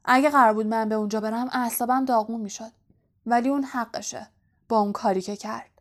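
A woman's voice: steady tone, lightly acted. Ernie, a woman doing a muttering old driver. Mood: grim. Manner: low, muttering. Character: gloomy low-spoken older male bus driver.

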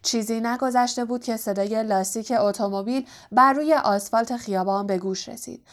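A woman reading an audiobook in steady, even scripted narration. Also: on the high side.

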